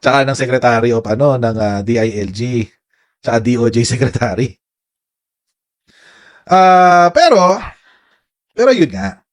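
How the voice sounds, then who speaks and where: A man with a Filipino accent giving casual live commentary to his viewers, talking in an animated way, often laughing and reading out viewer comments. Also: medium pitch, a little slow, long pauses. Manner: animated, laughing, addresses viewers as "mga kababayan"; reads viewer comments aloud. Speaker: political commentary vlogger.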